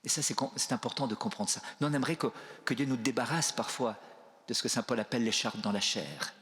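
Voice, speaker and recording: A man delivers a spiritual talk as a priest, telling stories and posing rhetorical questions, often restarting a phrase. His voice is of middling pitch. The large basilica adds a long trailing reverb. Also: quick pace, fairly bright tone.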